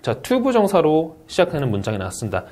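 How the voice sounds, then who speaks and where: A man's voice: fairly high pitch, fast. A man teaching a test-prep lecture, asking rhetorical questions and carefully reading out English model answers. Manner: lively teacherly delivery, frequent "자" and rhetorical questions. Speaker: TOEIC Speaking instructor. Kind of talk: exam review lecture.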